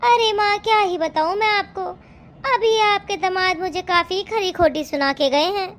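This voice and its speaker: A woman's voice: extremely high pitch, normal speed, a bit bright. A woman playing a young daughter-in-law who answers back and complains about her mother-in-law. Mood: defiant.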